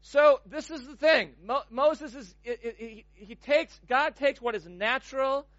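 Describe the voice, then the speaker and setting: A man's voice: very high-pitched, a little slow, fairly bright tone, no echo, dull audio. A man preaching a sermon in an emphatic way, often repeating words as he builds momentum.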